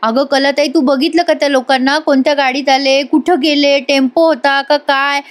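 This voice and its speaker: A panicky young male helper, flustered and firing off questions, as a woman reviewer reads him. The voice is high. There is only a light change from her narration. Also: steady tone, moderate pace, natural voice. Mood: bewildered.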